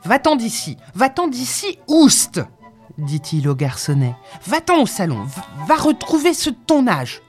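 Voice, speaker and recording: A woman reading aloud, voicing a stout, pompous middle-aged man who coaxes in a hushed voice and scolds harshly, with faint music behind. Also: medium pitch, very animated, a little slow. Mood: angry scolding. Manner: hushed wheedling, turning to sharp scolding.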